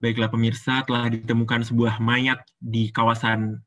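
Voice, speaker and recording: A man imitating a formal male TV news anchor reading a report in a measured, low delivery. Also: level tone, a bit bright, lightly acted.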